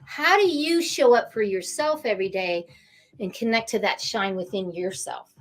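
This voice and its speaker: A woman hosts an upbeat online interview over a video call, speaking at a normal pace in a mid-range voice. She gushes with enthusiasm and often repeats herself.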